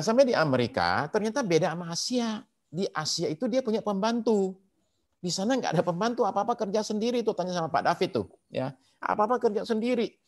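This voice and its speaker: A man's voice: high voice, darkish tone. An Indonesian man teaching an online church class in a sermon-like way, telling anecdotes and acting out the voices in them. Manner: storyteller who acts out quoted voices.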